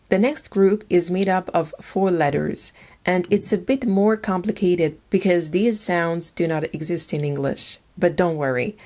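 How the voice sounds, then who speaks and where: A woman narrates a scripted language lesson at a very slow, careful pace. Her voice sits a little low, and she says each letter name twice before explaining it. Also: a little mellow. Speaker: language teacher.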